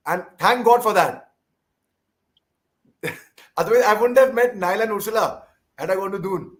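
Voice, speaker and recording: Speaking at a normal pace in a high register, this man has an Indian English accent and works as an interviewer after serving as an army officer. He chats deferentially yet emphatically, often saying the same thing twice.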